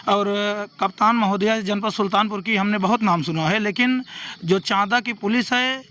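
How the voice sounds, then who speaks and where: A man's voice: high voice, normal speed, sharp tone. A man, an advocate and local candidate, giving a formal statement to a reporter outdoors and demanding action. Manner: formal, demanding, lists legal sections.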